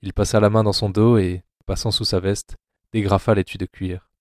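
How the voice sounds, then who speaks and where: Deep flat-voiced male narrator. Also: moderate pace, dry recording, studio quality. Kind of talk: dark scripted narration for audio drama.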